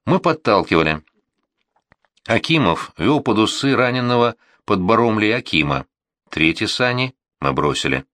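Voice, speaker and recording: A man narrates a war memoir as an audiobook, with an expressive, measured delivery. His voice is fairly low, and there is no echo.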